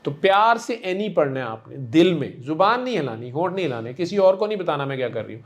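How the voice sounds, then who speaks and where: A man counseling a patient in a gentle, coaxing and affectionate way, repeating himself warmly. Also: fairly high pitch, very animated. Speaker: spiritual healer counseling a patient. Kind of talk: one-on-one counseling session.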